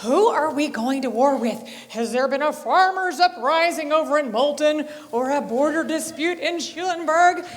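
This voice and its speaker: An actress playing a teasing, theatrical storekeeper's wife on a community stage, sarcastic and full of dramatic gasps. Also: female voice, sits high, expressive. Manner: drawn-out, coy and sarcastic, gasping for effect. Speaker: shopkeeper's wife Missus Barnum. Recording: live stage audio in an echoing hall.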